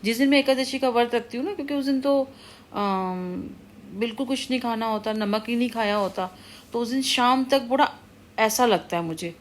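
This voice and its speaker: A middle-aged woman speaks to her viewers in a loose, unscripted monologue. Her voice sits a little high, and she scolds, rambles and circles back to the same warnings again and again. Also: normal speed, a little hiss or hum. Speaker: vlogger. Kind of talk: casual monologue to camera.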